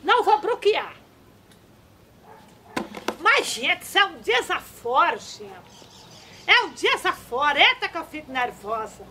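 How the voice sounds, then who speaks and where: A high-pitched, bright old granny who gets flustered and fussy in rustic country speech. Her voice leaps all over the place as she fusses. It is a comedy sketch character. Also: sing-song, a little slow, pauses often, exaggerated voice. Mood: flustered, indignant. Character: nagging elderly countrywoman granny, easily flustered.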